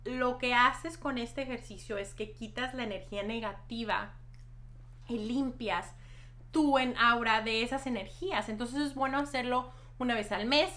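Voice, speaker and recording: A woman's voice: a little high, moderate pace, a bit bright. A young woman chatting casually to camera as a vlog host, explaining things emphatically and repeating words for stress. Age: young adult. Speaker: YouTube host and hypnotherapist. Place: small decorated room at home, indoors.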